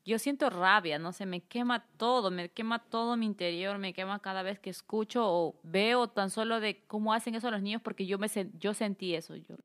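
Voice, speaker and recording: A woman's voice: medium pitch, brisk, hardly any pauses, fairly bright tone. A woman from Peru with a mid-range voice talks in a casual podcast chat. She cuts in often with emphatic, indignant questions. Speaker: podcast co-host. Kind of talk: casual conversation.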